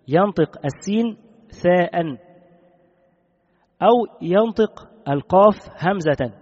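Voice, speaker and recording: Man giving a text lesson on religious law, fairly high voice, dull sound with a long echo. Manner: measured, repeats key rulings. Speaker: Islamic law teacher. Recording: dull recording with long reverb.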